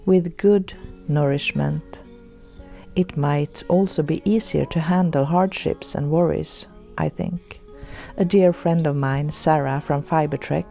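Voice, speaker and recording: A middle-aged woman, hosting a podcast and speaking her reflections slowly and thoughtfully, then reading from a book. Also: low voice, gravelly. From Sweden. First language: Swedish. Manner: slow, thoughtful and gentle. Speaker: podcast host.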